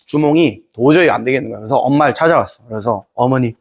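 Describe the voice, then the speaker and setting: A man teaching history in a lively lecture, playfully acting out scenes from the story. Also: medium pitch, moderate pace, slightly rough. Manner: animated storytelling, playful, voices characters.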